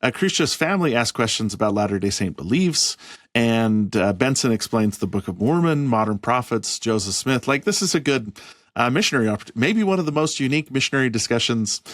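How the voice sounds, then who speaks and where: A man co-hosting a history podcast, explaining points in a measured, thoughtful way with occasional fillers. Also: medium pitch, lively intonation, fairly bright tone, no echo, clean studio sound. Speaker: podcast co-host. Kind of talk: casual history podcast chat.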